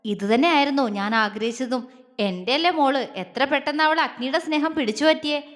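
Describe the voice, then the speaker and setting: A scheming middle-aged mother, voiced by a woman storyteller, coaxes with sugary sweetness. The voice is high and wrapped in a long hall reverb. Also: a little fast, a bit bright.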